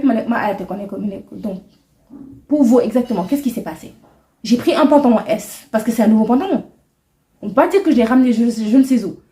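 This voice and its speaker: A woman's voice: a little high, warm tone. Chatty young woman, roomy sound. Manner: chatty and indignant, mixing in English and Wolof. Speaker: vlogger. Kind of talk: storytime vlog. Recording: echoey room.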